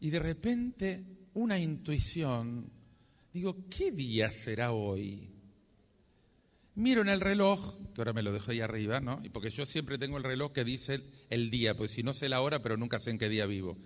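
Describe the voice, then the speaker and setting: Lively Rioplatense friar in a big hall. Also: male voice, mid-range voice, fairly quick. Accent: Rioplatense Spanish. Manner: animated, acts out his own inner dialogue with sudden exclamations. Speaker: Franciscan friar preaching. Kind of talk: storytelling sermon talk at a congress. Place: large congress hall. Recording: long hall reverb.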